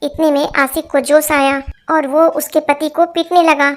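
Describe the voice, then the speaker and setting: Reading scripted narration at a normal speed, a high-pitched woman delivers a series of short jokes. She voices every part the same, in one even tone.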